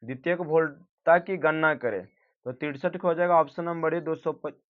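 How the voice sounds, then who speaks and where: On a dull, lo-fi recording, a man whose voice is on the high side goes through exam practice questions at normal speed. As a teacher, he reads every question out before answering it, occasionally fixing his own mistakes.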